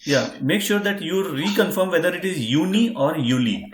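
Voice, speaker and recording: A man's voice: a little high, lively intonation, moderate pace, a little hiss or hum. Male teacher running an online class, patient, repeats and spells; roomy echo. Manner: patient, repeats and spells words out, addresses "friends". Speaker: German language teacher.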